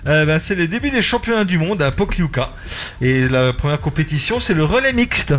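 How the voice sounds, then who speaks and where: A man's voice: fairly high pitch, fairly quick. A man co-hosting a radio show, joking and bantering in the studio. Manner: animated, joking. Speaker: radio co-host and referee.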